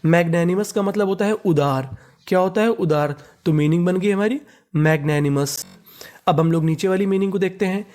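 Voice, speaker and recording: Guy teaching english words, spells them out, keeps asking what do we read, kinda high voice. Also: normal speed, a little mellow. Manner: repeats each word and asks "what do we read?".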